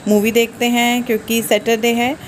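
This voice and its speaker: A woman's voice: on the high side, little pitch movement, normal speed, a little hiss or hum. A middle-aged woman from North India narrating a casual home vlog, chatting and explaining each step while she cooks. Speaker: vlogger. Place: home kitchen.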